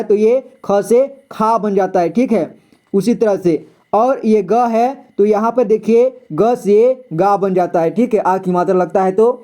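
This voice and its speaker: A man's voice: high-pitched, warm tone. A man teaching beginners to read Hindi syllables, patiently explaining and asking himself questions, then answering them. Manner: repeats and quizzes himself, says "ठीक है" often. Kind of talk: patient step-by-step reading lesson.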